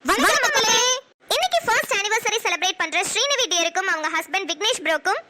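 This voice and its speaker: A woman's voice: extremely high pitch, animated, fast, over loud music. A woman host cheerfully greeting viewers and announcing celebrations. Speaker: channel host.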